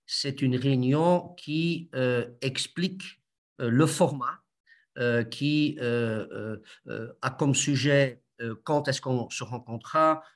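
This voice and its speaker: Man, mid-pitched, guest expert, halting delivery with frequent "euh"s, explains step by step. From Belgium. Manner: halting, many fillers and restarts, explains step by step. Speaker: guest lawyer and mediator. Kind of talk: explanatory interview answers.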